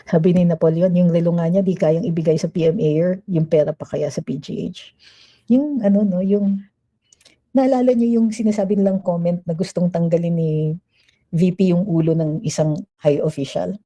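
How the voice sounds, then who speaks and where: A woman's voice: fairly low pitch, moderate pace, dark tone, muffled recording. A woman giving chatty, emphatic livestream commentary as she reads out viewer comments, mixing Tagalog and English.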